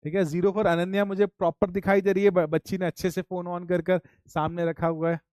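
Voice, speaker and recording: Man teacher, high voice, close and dry sound, playful and teasing with students on a video call. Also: level tone, a little fast, darkish tone, clear, resonant tone, no echo. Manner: playful, teasing, calls names repeatedly. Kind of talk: online class video calls with students.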